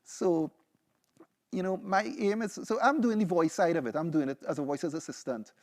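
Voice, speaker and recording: This is a PhD candidate, a young man with a Trinidadian accent, giving a seminar presentation with a live demo. His voice sits a little high and moves at a moderate pace, and he talks in a loose, conversational way, frequently adding "right?" and "you know".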